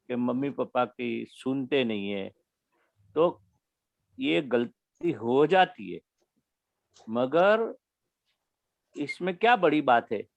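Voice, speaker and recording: A man giving a spiritual talk to young listeners, explaining slowly and repeating his key phrases. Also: medium pitch, creaky, no echo. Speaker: spiritual teacher. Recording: dull lo-fi recording.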